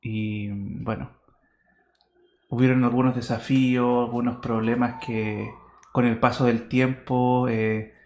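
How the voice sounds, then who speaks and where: A man co-hosts a podcast and tells his own story in a measured, slightly hesitant way. He speaks at a middle pitch. The room echoes around him, and a faint noise sits under the recording. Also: level tone, a little mellow. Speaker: podcast co-host. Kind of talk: conversational interview.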